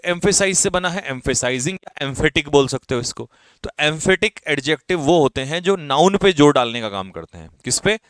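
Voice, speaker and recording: A man's voice: on the high side, a bit bright, no room sound. A young man teaching grammar in a classroom lecture, asking questions and answering them himself. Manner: explains in Hindi, reads English examples slowly and stresses them. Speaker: English teacher.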